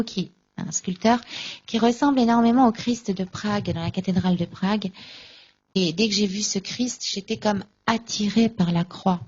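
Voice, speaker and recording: A woman giving a personal faith testimony at a conference, recounting events with lively acted-out dialogue. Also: medium pitch, dull audio. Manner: lively, acts out remembered dialogue.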